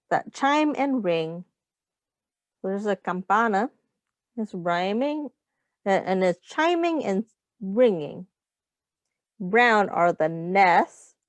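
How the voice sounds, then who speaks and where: A woman teacher reads a picture book aloud to young children, explaining things simply and stopping to ask them questions. Her voice is mid-range, and the recording is dry.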